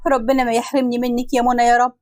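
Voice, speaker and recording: A woman's voice: fairly high pitch, little pitch movement, very fast, a little mellow, no echo, close to an everyday voice. A woman with an Egyptian Arabic accent voicing a poor, worried sister who wails anxiously. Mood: distraught. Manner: wailing, anxious.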